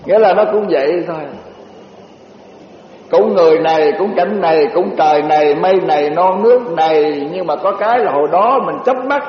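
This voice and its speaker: An older man, a Buddhist monk, giving a slow dharma talk, telling stories and reciting verses. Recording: echoey hall, dull low-fi recording with faint hiss.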